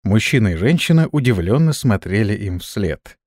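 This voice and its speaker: A man narrating a fantasy audiobook with expressive intonation. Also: on the low side, normal speed, no echo, studio quality.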